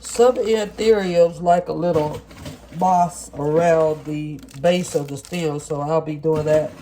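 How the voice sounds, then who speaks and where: Stuffed up following sinus surgery, this plant vlogger stands at her kitchen counter at home and casually demonstrates things for viewers, explaining each step in a homey manner. The congested, nasal voice sits at medium pitch with fairly even intonation, a slow pace and a warm tone, captured in a rough recording with slight background noise.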